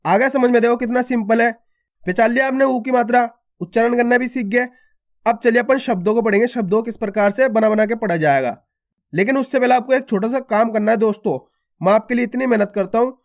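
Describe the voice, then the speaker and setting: A man teaching a beginner reading lesson in a video, repeating each point and asking the viewer questions, drawing out single syllables. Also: very high-pitched. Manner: repetitive, asks the viewer questions, drawn-out syllables. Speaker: Hindi teacher.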